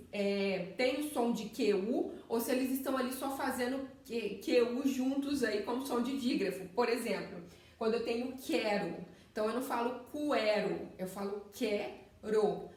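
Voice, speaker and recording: Woman, Brazilian Portuguese accent, teacher, patient explaining, somewhat high voice, heavy room echo. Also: darkish tone. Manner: explanatory, checks in with "tá?" often. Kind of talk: recorded class review. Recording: very echoey room, somewhat far from mic.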